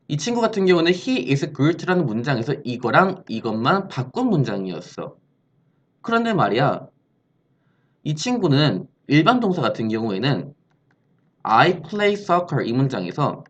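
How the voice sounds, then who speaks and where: A man's voice: on the high side, lo-fi sound. A man teaching an English grammar lesson, explaining step by step and posing questions he answers himself. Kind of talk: recorded classroom-style lesson.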